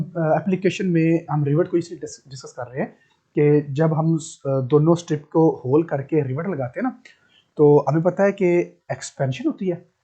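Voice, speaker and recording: A man's voice: a little high, dark tone, husky, lo-fi sound. A man teaching a physics lesson, who explains step by step, repeats key terms and asks his class rhetorical questions. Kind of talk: classroom lecture.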